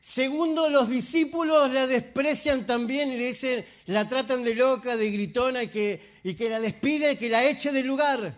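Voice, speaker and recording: High-voiced impassioned preacher. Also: male voice, normal speed, few pauses. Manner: impassioned preaching, swinging between soft asides and raised outbursts. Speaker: pastor. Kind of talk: sermon.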